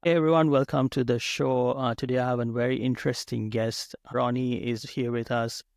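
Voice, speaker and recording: A man's voice: mid-range voice, fairly even intonation, moderate pace, creaky, a little mellow. A man hosting a podcast, introducing his guest eagerly and repeating words as he goes. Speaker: podcast host.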